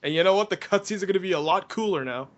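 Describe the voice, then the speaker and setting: A let's play co-commentator with a high-sitting, slightly bright voice talks rapid-fire over game music, and the highs are cut off. He jokes and chats informally through the gameplay.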